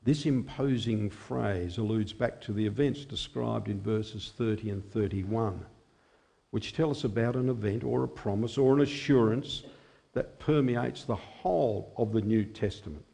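A man in his sixties preaching a sermon in a small chapel at a lectern microphone, measured and expressive. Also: on the low side, creaky. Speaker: chaplain preaching.

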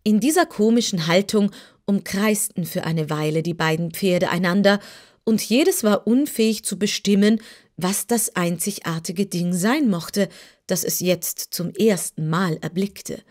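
A woman's voice: medium pitch, darkish tone. Woman reading a storybook aloud. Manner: measured storytelling. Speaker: audiobook reader. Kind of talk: scripted narration.

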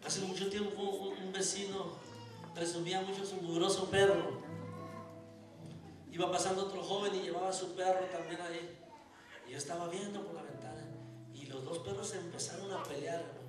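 A man, a pastor preaching a sermon and telling stories, moving from soft asides to shouting. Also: sits high, fairly even intonation, moderate pace. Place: church sanctuary. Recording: echoey church hall, distant mic, music.

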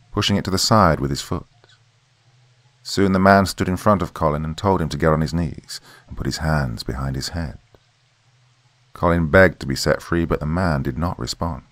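A man narrating a horror story in a steady, measured reading voice. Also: a bass voice, no echo.

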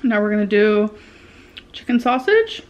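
A woman's voice: mid-range voice, sing-song, unhurried. A young adult woman chatting casually to camera in a vlog, chewing as she talks with her mouth partly full. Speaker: vlogger. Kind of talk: casual eat-with-me vlog chat. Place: indoors in a room at home.

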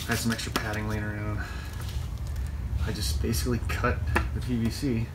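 A man's voice: fairly low pitch, flat delivery, a little fast. Laid-back young man rambling in a noisy garage. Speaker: fishing channel host. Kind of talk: casual DIY walkthrough. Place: open garage.

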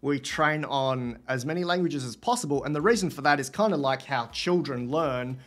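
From a room in his home, a thirty-something man casually takes viewer questions on a livestream, reading each aloud and reasoning through it on camera. He speaks at normal speed in a mid-range voice.

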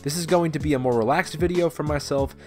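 A man's voice: on the high side, fast talker, darkish tone, soft background music. A man hosting and narrating a sports video from a script. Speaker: video host and baseball fan narrator.

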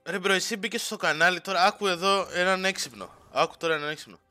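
A man's voice: high voice, sharp tone. A young man streaming live, chatting casually with his viewers, teasing them and dropping English slang. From Greece. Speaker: Twitch streamer. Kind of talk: casual livestream chat to viewers.

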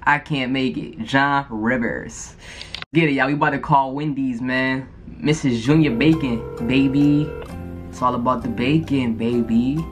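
A man's voice: mid-range voice, steady tone, a little slow, over music. A young man speaking in a casual, slangy, informal way, as in a prank-call vlog recorded indoors. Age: young adult. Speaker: prank caller and vlogger. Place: indoor room at home.

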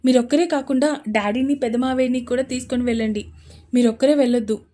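A woman's voice: fairly high pitch, lively intonation, normal speed, natural voice. A woman voicing an anxious young man. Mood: urgent. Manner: urgent, commanding.

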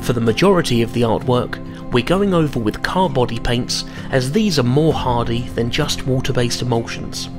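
Man narrating in a measured tone. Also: medium pitch, over music. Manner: measured, matter-of-fact explanation. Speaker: studio narrator. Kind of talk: scripted voice-over narration.

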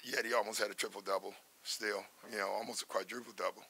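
Bright-voiced older man fielding press questions. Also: lowish voice, fairly even intonation, vocal fry, a little hiss or hum. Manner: measured, conversational, many fillers and restarts. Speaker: basketball head coach. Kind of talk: postgame press conference answers. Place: press room in front of a sponsor backdrop. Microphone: table microphone in front of him.

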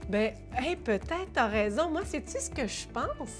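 A middle-aged woman with a Québécois French accent, an educator reading a picture book aloud in a lively, playful way and explaining it to parents. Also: high voice, measured pace, faint music behind. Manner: animated, playful read-aloud with sound effects. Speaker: early childhood educator.

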